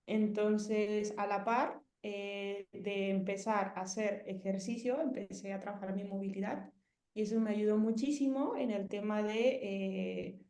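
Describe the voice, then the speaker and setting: A woman in her thirties with a Mexican Spanish accent speaks in a casual testimonial interview, rambling, piling on fillers and restarting sentences. Her middle-pitched voice is steady, unhurried and dark in tone, with a roomy echo.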